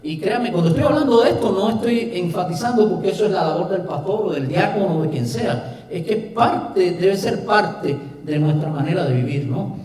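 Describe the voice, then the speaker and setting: A man's voice: high voice, animated, moderate pace, a little mellow. A middle-aged man with a Cuban Spanish accent, preaching a sermon in a conversational way with rhetorical questions. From Cuba. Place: church hall. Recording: echoey hall from far off.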